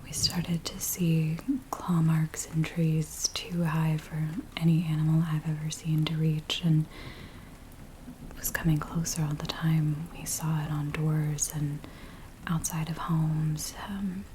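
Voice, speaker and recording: In a soft, breathy ASMR roleplay, a woman with a low voice whispers as a frightened village woman pleading with a werewolf tracker. Her delivery is hushed, hesitant and uneasy, like slow storytelling, with steady rain sounds behind her.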